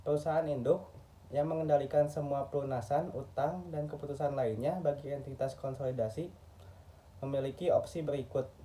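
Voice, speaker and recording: An Indonesian man with a fairly high, warm voice reads a scripted lecture aloud in formal textbook style, keeping a steady tone at a slightly fast pace. He stumbles over a word now and then, and the audio is muffled, as if from a distant microphone.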